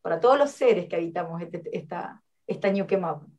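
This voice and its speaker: A woman's voice: fairly low pitch, animated, brisk, darkish tone. A woman academic, a guest on a radio interview, explaining ideas earnestly and often adding "¿no?" or "¿cierto?" to check in with the listener. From Chile.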